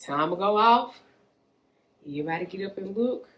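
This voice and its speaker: A woman's voice: medium pitch, animated, moderate pace. A woman co-hosting a podcast, recapping a book's plot in a casual, slangy storytelling way. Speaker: podcast co-host. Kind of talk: casual book review chat. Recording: echoey room.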